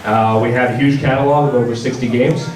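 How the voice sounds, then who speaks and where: A man hosting a panel talks fairly quickly in a steady, mid-range voice that's a little mellow, presenting a product informally with dry, joking humor. Recorded from a distance in a large, roomy convention room, the audio has a little hiss or hum and an audible audience crowd.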